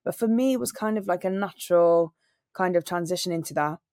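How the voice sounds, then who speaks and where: In an interview, a young Welsh singer and radio presenter answers questions earnestly, telling stories as she goes. Her voice is lowish and darkish, and she talks fairly quickly, captured in clean studio sound without echo.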